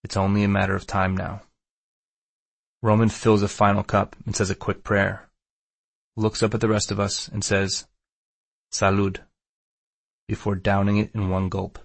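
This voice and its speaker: A male audiobook narrator reads a first-person account with little rise or fall. His low voice has a creaky edge, is recorded very dry, and stays measured and understated. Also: monotone, no echo.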